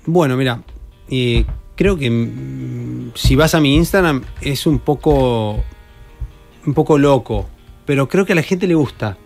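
A man's voice: mid-range voice, unhurried, creaky, a little mellow, soft background music. A man with a Rioplatense Argentine accent, a professional padel player chatting as a guest in a radio studio and telling long anecdotes with many restarts. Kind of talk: casual radio interview.

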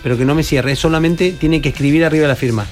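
A man's voice: a little high, fast talker, soft background music. A man with a Rioplatense Argentine accent, a professional padel player chatting as a guest in a radio studio and telling long anecdotes with many restarts. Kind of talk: casual radio interview.

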